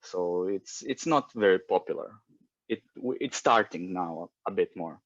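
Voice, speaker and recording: A Croatian man with a very deep voice speaks haltingly, stopping often to restart his sentences. The sound is dry and a little dull, like a remote call. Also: lively intonation, dry recording. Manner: hesitant, many fillers and restarts. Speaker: guest. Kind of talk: casual interview.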